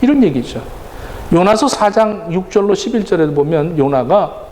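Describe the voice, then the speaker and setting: A man's voice: high voice, animated, normal speed, darkish tone, a little hiss or hum. A middle-aged male pastor preaching a sermon in a conversational way, sometimes acting out the people he quotes. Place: church sanctuary. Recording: roomy church hall reverb, faint ambience.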